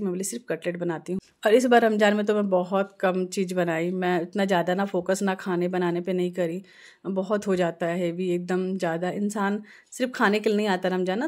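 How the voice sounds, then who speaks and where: A woman's voice: on the low side, darkish tone. A middle-aged woman with an Indian Hindi accent, chatting earnestly in a casual vlog voice-over. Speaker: family vlogger.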